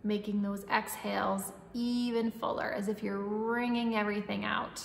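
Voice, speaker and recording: A woman leading a guided breathwork meditation in a soothing, instructing manner, with long pauses and audible breathing and sighs. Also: mid-range voice, little pitch movement, creaky. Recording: echoey reverberant room, faint background noise.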